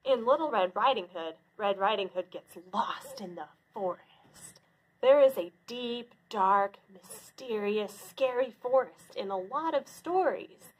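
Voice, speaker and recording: A woman in the role of a children's librarian gives instructional talk for kids, breaking things down into simple, clear steps. She sounds animated and unhurried in a mid-range voice, on a low-quality recording.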